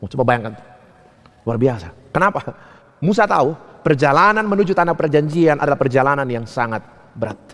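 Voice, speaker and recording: A male pastor preaching a sermon, telling stories and asking rhetorical questions, swinging between high and low phrases. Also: lively intonation, brisk, a bit bright, in a large hall. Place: church.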